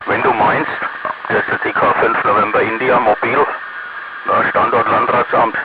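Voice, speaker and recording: A man giving a halting, casual amateur radio station report over walkie-talkie from inside a van, often repeating himself. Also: medium pitch, flat delivery. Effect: two-way radio, walkie-talkie. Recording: very noisy, tinny mobile radio link.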